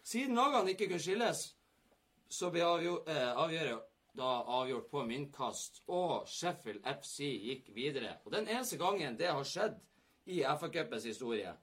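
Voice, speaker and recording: Lively husky man hosting a sports show. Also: a little high. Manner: lively, joking, hurried at times. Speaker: podcast host. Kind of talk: casual sports talk show.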